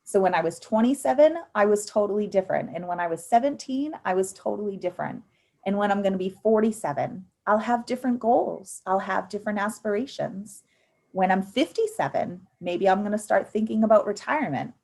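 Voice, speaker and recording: A woman's voice: mid-range voice, expressive, fairly quick, gravelly, a little mellow. A woman in her thirties leading an online youth finance workshop, upbeat and encouraging, with frequent ums, speaking into a computer mic on a video call. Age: 30s. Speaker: financial literacy presenter.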